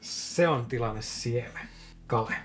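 A man narrating as game master of a tabletop role-playing game, often laughing and filling pauses as he describes the action. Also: medium pitch.

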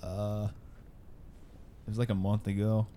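A man's voice: lowish voice, flat delivery, a little slow, mellow, slight background noise. A young man co-hosting a podcast in casual, crude, argumentative chat. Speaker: podcast co-host.

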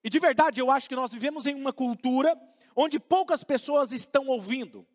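A man's voice: very high voice, fairly quick, long reverb tail. A man preaching a conversational sermon, joking and acting out little everyday dialogues for his congregation. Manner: humorous, acts out little dialogues.

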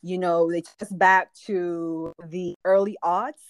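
Woman, lowish voice, dry close sound, relaxed chatty podcast co-host, laughs a lot. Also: slow pace, clean tone, no room sound. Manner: relaxed, laughs often, trails off with fillers. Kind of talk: casual chat.

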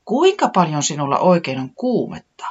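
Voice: mid-range voice, huge pitch swings, husky. Casting: soothing mother bird, inquisitive and anxious, as a reader puts her on; lo-fi audio. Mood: concerned. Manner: soft, questioning and soothing. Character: caring motherly bird, gently worried.

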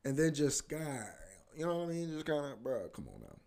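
A podcast host in his twenties delivers a casual solo monologue, laid-back and slangy, rambling with lots of fillers. His voice is fairly high and darkish, with vocal fry, huge pitch swings and a brisk pace.

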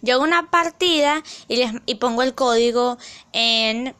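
A young woman chatting in a casual vlog, excitable and rambling, loud at times and slipping into English phrases. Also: fairly high pitch, moderate pace, clean tone. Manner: loud, near shouting at times. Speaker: vlogger.

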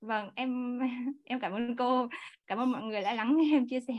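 A woman's voice: a little high, normal speed. A woman in her thirties, chatty and polite, sharing a personal story in an online class over a video call. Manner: chatty, frequent restarts and polite particles. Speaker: class participant. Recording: dull lo-fi online call audio.

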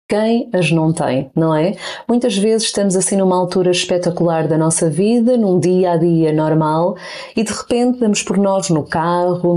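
A woman's voice: on the low side, a little mellow. A woman with a European Portuguese accent hosting a radio talk show, upbeat and friendly as she introduces her guest.

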